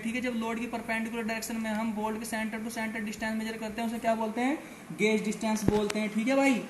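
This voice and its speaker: A male teacher giving a classroom lecture. He keeps asking questions and answering them himself, and says "okay, brother" after each step. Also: high-pitched. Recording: echoey room, faint background noise.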